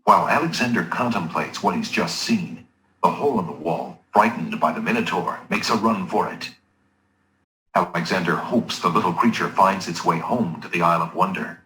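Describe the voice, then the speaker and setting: Game narrator, deep and forceful, solemn dramatic scripted storytelling, roomy. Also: male voice, a little hiss or hum. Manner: measured, dramatic.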